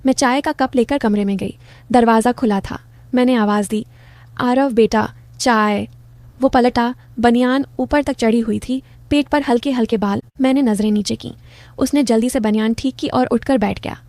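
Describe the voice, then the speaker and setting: Mellow intimate woman storyteller. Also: fairly high pitch, normal speed, no room sound. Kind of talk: first-person scripted story narration.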